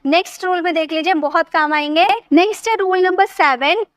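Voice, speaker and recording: High-voiced woman teaching English. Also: a little fast, no room sound. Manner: patient, repeats and checks understanding. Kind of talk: spoken English lesson.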